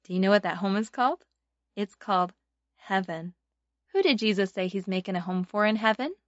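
A woman's voice: mid-range voice, fairly quick, dry recording. A woman teaching a children's Bible lesson like a Sunday school teacher, speaking simply to young listeners and asking them easy questions. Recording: dull lo-fi sound, faint music.

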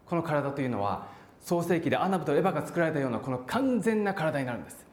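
A man preaching a sermon, animated, acting out voices and calling out for emphasis. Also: a little high, fast. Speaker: pastor. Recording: echoey hall.

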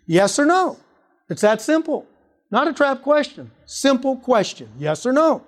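A man's voice: very high-pitched, measured pace. A male preacher teaching on apologetics, reading scripture aloud and quizzing his listeners with rhetorical questions. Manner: animated, asks rhetorical questions.

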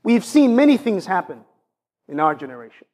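A man with a Jamaican accent delivers a sermon as a pastor, in a fairly high voice. He puts rhetorical questions to his congregation and builds his points through a list of ideas. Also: very animated, brisk, a little mellow.

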